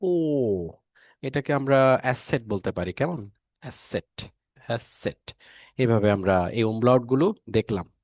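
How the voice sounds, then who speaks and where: A man's voice: medium pitch, lively intonation, takes it slowly, a little mellow, dry recording, studio quality. A man with a Bangladeshi Bengali accent teaching an online language lesson, repeating each word several times with many fillers.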